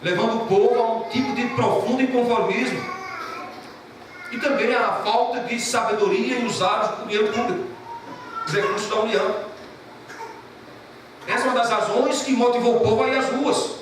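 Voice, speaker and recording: A man's voice: very high-pitched, steady tone, normal speed, pauses often. A male pastor preaching a sermon, passionate and emotional as he tells a story. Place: church sanctuary. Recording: echoey church from a distant mic, noisy.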